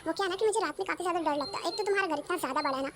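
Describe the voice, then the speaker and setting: A woman's voice: very high voice, rapid-fire, background noise. A woman voicing a fiery young orphan heroine who scolds and threatens, in a fan-dubbed story.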